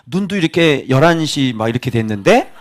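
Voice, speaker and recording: A man's voice: fairly high pitch, sing-song, fairly quick. A middle-aged man preaching a sermon as pastor, chatty and teasing, often quizzing his congregation.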